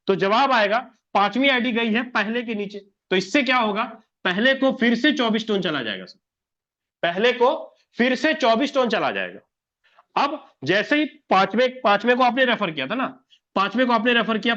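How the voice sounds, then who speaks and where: High voice wala guy whiteboard pe plan samjha raha, same baat baar baar bolta, thoda dull lo-fi sound. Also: pushed and bright. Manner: repetitive, asks and answers his own questions, addresses viewer as sir. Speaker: presenter explaining an income plan. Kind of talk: explainer walkthrough on a whiteboard.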